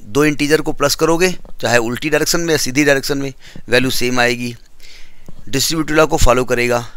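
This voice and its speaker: Indian maths teacher guy lecturing, bright voice, dry close sound, repeats stuff slowly. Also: medium pitch, no room sound. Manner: explains step by step, mixing English terms, repeats key words. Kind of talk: classroom lecture.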